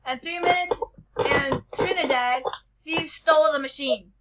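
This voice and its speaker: A woman's voice: high voice, unhurried, lo-fi sound, background noise. A woman hosting a casual joke-reading challenge, reading jokes aloud and stumbling over the words.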